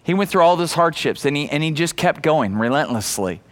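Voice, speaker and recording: A man's voice: a little high, expressive, brisk. A middle-aged male pastor preaching a sermon in a conversational way, asking the congregation questions and often repeating words as he restarts.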